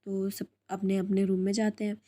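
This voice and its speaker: A woman's voice: mid-range voice, completely flat delivery, normal speed, mellow. A young woman casually telling a love story, with loose, unscripted narration. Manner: casual, many fillers and restarts.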